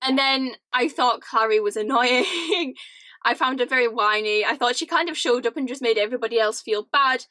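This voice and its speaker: A young British woman ranting casually to camera, animated and laughing often, with lots of "like". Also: on the high side, normal speed, no room sound. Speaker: vlogger. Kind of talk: casual chatty rant to camera.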